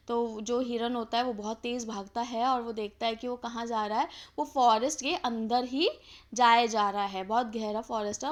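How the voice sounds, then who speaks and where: Woman teacher explaining a story, higher voice. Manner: reads English lines slowly, then explains them in everyday speech.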